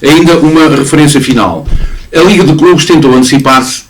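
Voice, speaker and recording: A man's voice: on the high side, moderate pace. Emphatic sports commentator man. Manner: animated, emphatic, repeats and restarts words. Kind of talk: casual studio chat. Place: local TV studio.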